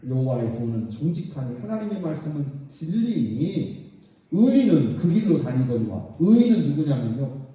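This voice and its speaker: A man's voice: on the high side, sing-song, moderate pace. A middle-aged man preaching a sermon as pastor, dramatically acting out the voices of God and sinners. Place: church sanctuary. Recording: very echoey church hall, distant and dull.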